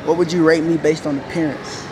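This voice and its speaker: A young adult man with a fairly high, level voice talks fairly quickly while hosting a public interview vlog in a large indoor shopping mall. He chats with people in playful slang and swears a lot. A wireless mic on the camera shoot captures him over background noise.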